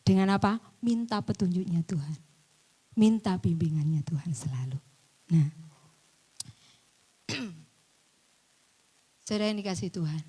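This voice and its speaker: A woman preaching a sermon, dropping to near-whispers and then rising to loud, emphatic bursts, laughing now and then. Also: on the low side, a little slow, long pauses, slightly rough. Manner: laughs between points, mixes in local slang.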